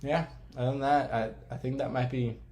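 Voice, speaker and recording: A young man co-hosting and editing a casual movie podcast, relaxed and joking, often restarting his words, recorded on his laptop microphone. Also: medium pitch, brisk. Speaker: podcast co-host and editor. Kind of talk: casual chat.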